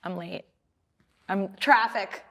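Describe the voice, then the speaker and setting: A bubbly young woman from Maryland giving casual interview answers. She giggles easily and stalls now and then while she hunts for the right word. Her voice sits at an everyday middle pitch. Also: slow pace, a bit bright. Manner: bubbly, giggly, searches for words. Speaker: guest, apparel business owner.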